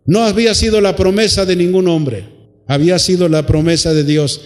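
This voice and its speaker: A man delivers a sermon to his congregation, stretching key words and pausing on rhetorical questions. His voice sits high for a man. The recording carries the long reverb of a church hall. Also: steady tone, darkish tone. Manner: drawn-out emphatic phrases. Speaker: preacher.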